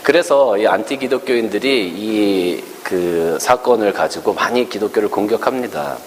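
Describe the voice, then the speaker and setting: A man's voice: on the low side, normal speed. A male pastor giving a conversational sermon, asking his congregation rhetorical questions and acting out quotes in a raised voice. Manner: acts out quoted speech in a raised voice. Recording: long hall reverb with faint hiss.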